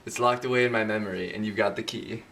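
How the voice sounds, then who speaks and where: A man's voice: lowish voice, steady tone, quick pace, creaky, a bit bright. A man playing a naive, meek and obedient young daughter in an amateur parody drama. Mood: earnest. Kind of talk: amateur parody stage acting. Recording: roomy, distant, noisy amateur recording.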